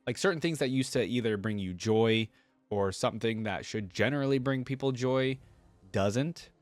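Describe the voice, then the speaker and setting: A man hosts a video with casual reaction commentary, rambling conversationally and often checking in with the listener. His voice is medium-pitched at a moderate pace, with no room sound.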